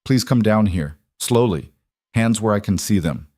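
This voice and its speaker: A cold-blooded outlaw boss from a Western audio story, calm and measured, his low voice held quiet and level, as a male narrator puts him on. The sound is dry and close, with no room around it. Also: no room sound. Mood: menacing.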